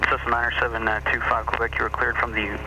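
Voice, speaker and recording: A man's voice: medium pitch, level tone, fast. Man on very noisy air traffic control radio. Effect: aircraft radio transmission. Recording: very noisy, broken-up aviation radio.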